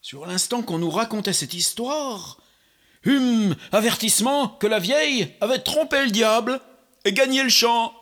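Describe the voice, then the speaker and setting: Un homme lit un vieux conte à voix haute, lentement, sur un ton déclamatoire et théâtral. Sa voix est très aiguë et claire, avec un débit posé. Il détache chaque phrase avec soin. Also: male voice, very high voice, expressive, a bit bright. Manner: slow, declamatory, theatrical. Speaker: reader. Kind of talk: reading a Renaissance tale aloud.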